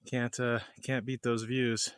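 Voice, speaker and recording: A man vlogging casually from a lakeside campsite, talking in a relaxed, rambling way with lots of hesitations. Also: medium pitch, slow pace, clear, resonant tone, no room sound. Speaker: camping vlogger. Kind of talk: casual outdoor vlog.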